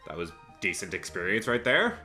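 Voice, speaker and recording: A man's voice: low voice, sing-song, normal speed, sharp tone, soft background music. A man giving chatty gameplay commentary as a Let's Play host, thinking aloud and often laughing.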